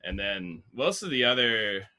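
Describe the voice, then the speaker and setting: A man's voice: fairly low pitch, sing-song, measured pace, pushed and bright. A man from Canada, a drummer guest in a casual interview, talking in a laid-back, modest way full of filler words.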